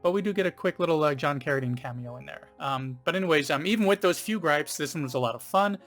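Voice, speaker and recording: A man's voice: a little high, quick pace, fairly bright tone, soft background music. A man hosting a casual film review video, rambling a little with frequent ums and you-knows. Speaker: film reviewer, channel host.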